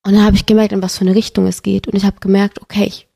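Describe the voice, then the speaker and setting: Speaking rapid-fire in a gravelly, medium-pitched voice, a young woman on a podcast shares a painful personal story. The chat is casual, and she tells it with emotion and animation.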